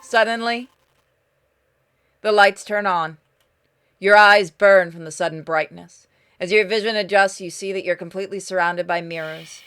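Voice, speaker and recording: Medium in pitch, smooth and a bit bright, this woman's voice moves at a moderate pace with frequent pauses. Over game music, the streamer reads story text aloud with theatrical flair during her playthrough and slips into casual commentary for viewers.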